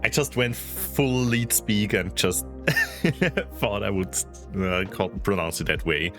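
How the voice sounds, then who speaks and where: A man's voice: low-pitched, takes it slowly, music in the background. A man chatting casually as a livestream host, playful and exclaiming in a cute, bubbly anime-streamer way. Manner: playful, exclaiming, greets viewers by name.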